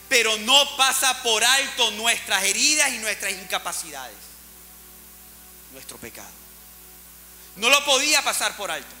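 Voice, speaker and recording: A male pastor preaches in a high, piercing bright voice, rising and dropping sharply as he acts out the figures of the story. His words ring through a reverberant church hall while faint music plays underneath. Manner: preaching with dramatic swings, acting out Bible characters. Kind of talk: sermon.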